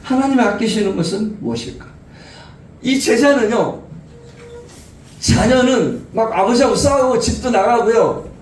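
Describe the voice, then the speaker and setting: A middle-aged man preaching at a youth retreat, animated and laughing as he acts out everyday scenes. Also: very high-pitched, unhurried, pauses often, a little hiss or hum. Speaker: pastor. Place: church retreat hall. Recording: roomy hall, distant mic, faint ambience.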